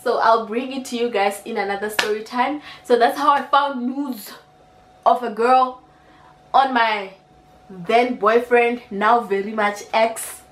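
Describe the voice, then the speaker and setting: Young south african woman telling a storytime vlog, kinda high voice, slangy and animated, echoey room. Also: a little slow, a little hiss or hum. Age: young adult. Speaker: YouTuber. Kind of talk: storytime vlog, casual chat. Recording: echoey room with faint music.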